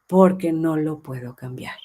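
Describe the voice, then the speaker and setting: A woman hosts a live parenting session and reads out viewer comments as she goes. Her voice sits a little low, and she speaks in an earnest, emphatic way. Now and then she drops into soft asides in the voice of a hurt inner child. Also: unhurried.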